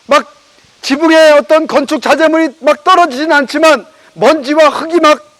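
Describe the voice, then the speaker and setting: A man's voice: very high-pitched, fairly bright tone, low-quality recording. A male pastor preaching a sermon, retelling a story with dramatic storytelling.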